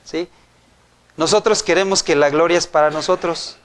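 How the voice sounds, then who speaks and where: A man's voice: on the high side, normal speed, a bit bright. A man with a Mexican Spanish accent preaching a sermon in a church, speaking conversationally and often checking in with rhetorical questions. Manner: conversational, asks the congregation frequent rhetorical questions.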